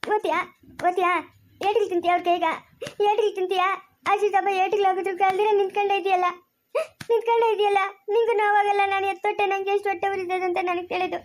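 A woman's voice: very high voice, flat delivery, fast. A woman playing a harsh village mother who scolds her young son with repeated questions, in a family drama. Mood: scolding. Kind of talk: amateur family drama acting.

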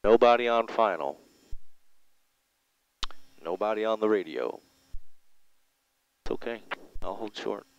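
A man's voice: fairly low pitch, lively intonation, takes it slowly, vocal fry, pauses often, highs cut off, slight background noise. A man speaking as a pilot, running through checklists and radio calls in short, terse phrases. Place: small propeller plane cockpit.

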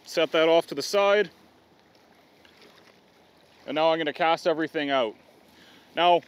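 A middle-aged man, giving a practical outdoor how-to on a riverbank, with plain explaining and some fillers. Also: fairly high pitch. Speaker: fishing guide demonstrating gear.

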